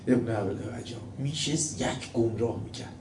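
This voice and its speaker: A man preaching a sermon with told stories, swinging between loud mocking and quiet, calm storytelling. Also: mid-range voice, noisy background. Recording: echoey room, faint ambience.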